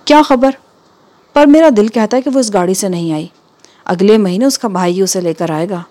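Woman doing a calm, firm mother in a story. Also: mid-range voice, lightly acted. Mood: reassuring. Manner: soothing yet firm.

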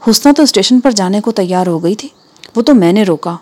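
Woman doing a calm, firm mother in a story. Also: mid-range voice, natural voice. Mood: reassuring. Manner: soothing yet firm.

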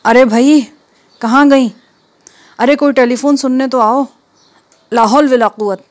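A woman's voice: high voice, fairly even intonation, pitched above the performer's own voice, natural voice. Woman reading as a cranky sick husband. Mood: irritable. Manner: grumbling, sharp-tongued, fussy. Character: ailing irritable middle-aged husband, Mian.

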